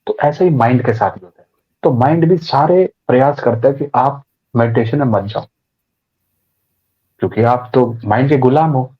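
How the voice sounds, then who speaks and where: A man's voice: medium pitch, moderate pace, pauses often, breathy edge, highs cut off. A man, a podcast guest, explaining meditation in a conversational way, acting out inner voices and using everyday examples.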